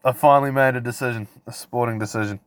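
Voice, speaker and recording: A man's voice: medium pitch, fairly even intonation, fast talker, slight background noise. A man hosting a solo podcast, ranting casually in a brash, sweary, tongue-in-cheek frat-bro manner. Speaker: podcast host.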